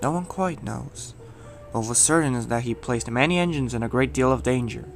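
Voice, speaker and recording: With a medium-pitched voice, a man tells a scripted horror story as a storyteller would, measured and dramatically emphatic. Music is clearly audible behind him.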